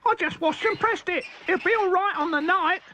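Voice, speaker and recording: An excitable little rabbit servant, pitched extremely high and piercingly bright. He is eager to please and repeats himself in a hurry, in the manner of a children's storybook. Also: normal speed. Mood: breezy, reassuring.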